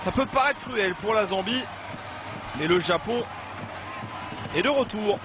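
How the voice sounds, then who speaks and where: A man giving live football match commentary, with excited exclamations when play heats up. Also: sits high, a little slow. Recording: noisy live match broadcast.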